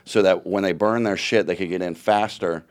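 A man's voice: low-pitched, fairly even intonation, moderate pace. A middle-aged man, a comedian guest, rambling through self-deprecating stories in casual chat.

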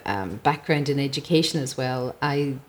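An Irish woman, middle-aged or older, talks animatedly in a rumbling low voice at a moderate pace. As a podcast guest and mental health advocate, she reflects conversationally on her own life from indoors at home.

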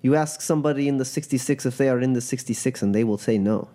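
A man playing a proud, bitter captive crime boss in a tabletop game, speaking in measured, formal, disdainful phrases. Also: medium pitch, dark tone, close to an everyday voice. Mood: wary, resigned.

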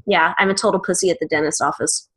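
A woman's voice: fairly low pitch, steady tone, quick pace, fairly bright tone, slightly rough. A middle-aged woman co-hosting a podcast, chatting casually in a blunt, profane, joking way. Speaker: podcast co-host.

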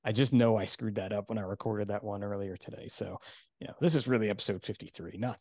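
A man's voice: fairly low pitch, fairly even intonation, quick pace, no echo. Rambling podcast host man, dry sound. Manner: rambling, self-deprecating, laughs often. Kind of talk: casual interview chat.

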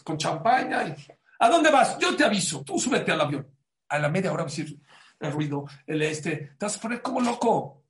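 A man giving a Torah class as a sermon, animated and preacherly, rising to loud emphatic bursts. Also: sits high.

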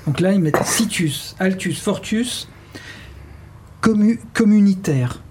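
A man's voice: high-pitched, animated, takes it slowly, background noise. A man hosting a radio show, talking casually with many fillers and restarts.

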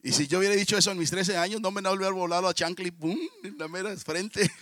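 A man's voice: high voice, fast talker, fairly bright tone, no room sound. Mexican preacher guy in his 50s, sermon w/ lots of storytelling, dry close sound. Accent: Mexican Spanish. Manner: storytelling, often calls out to the congregation.

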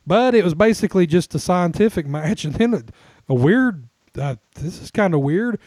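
A man's voice: high voice, lively intonation, normal speed, a little mellow, dry recording. A man co-hosting a casual podcast, chatting and laughing with frequent restarts. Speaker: podcast co-host. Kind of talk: casual chat about wrestling.

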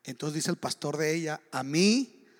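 A pastor man from Ecuador preaching a sermon, telling a story with bursts of excited exclamation. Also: on the high side, normal speed.

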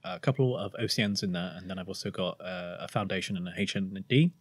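A man's voice: sits low, fast, breathy edge, dry recording. A young man from Bristol with a Bristolian accent, chatting as a guest and telling stories with a laugh. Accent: Bristolian English. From Bristol, England. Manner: laughing storyteller, lively impressions. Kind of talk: casual podcast chat.

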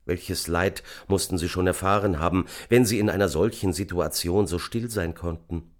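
A man reading an audiobook in a measured, dramatic narration. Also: sits low. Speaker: audiobook reader. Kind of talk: scripted narration.

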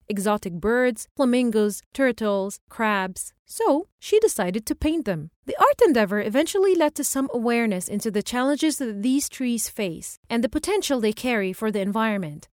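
A woman hosts a nature podcast, reading her scripted narration in a measured, expressive way. Her voice sits fairly high and moves around a lot in pitch. The sound is dry and close, with no room around it. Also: no echo. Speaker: podcast host.

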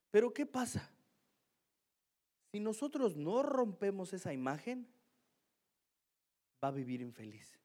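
Pastor guy joking about himself mid-sermon, keeps going "¿no?", voice a touch high. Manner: self-mocking, chatty, keeps asking "¿no?". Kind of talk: sermon with a humorous personal story.

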